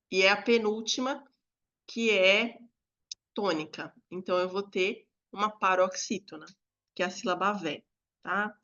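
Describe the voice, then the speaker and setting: A woman teacher, giving a lesson to other teachers and explaining step by step, sometimes drawing words out slowly. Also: medium pitch, a bit bright. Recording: slightly dull, lo-fi sound.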